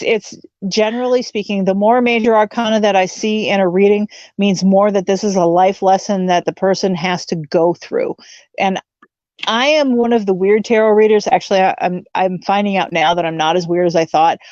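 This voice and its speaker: A woman's voice: mid-range voice, fairly even intonation, moderate pace, a little mellow, dry recording. A woman in her forties, a tarot reader guest chatting casually, joking and laughing often. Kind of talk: casual live-stream chat. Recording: dull lo-fi stream audio.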